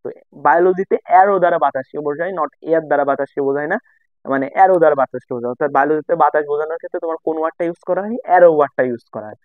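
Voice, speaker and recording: A man's voice: fairly high pitch, very fast, no room sound. A young man from Bangladesh teaching a casual lesson, repeating and rephrasing each point for his students. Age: young adult. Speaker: tutor. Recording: tinny phone-like dry sound.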